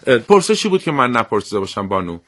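A man's voice: mid-range voice, very animated, fairly bright tone, no echo, studio quality. A man hosting a casual interview, asking questions in an easygoing way and laughing often. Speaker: host.

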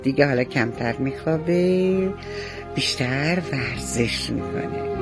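A man gently narrating a bedtime story for children, speaking to them warmly and directly. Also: on the high side, very animated, over music. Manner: gentle, affectionate, talks straight to the kids.

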